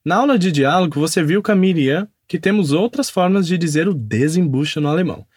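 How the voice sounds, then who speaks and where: A man's voice: on the high side, lively intonation, fairly quick, a little mellow, slightly rough, no room sound. A man teaching a podcast language lesson. He enunciates repeat-after-me drills carefully and follows them with upbeat praise.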